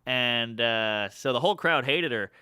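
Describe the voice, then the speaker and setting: A man co-hosting a comedy podcast, telling stories in casual chat and slipping into quick voices for the people he quotes. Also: medium pitch, clear, resonant tone, dry recording, clean studio sound. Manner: animated storyteller, does quick voices in quotes.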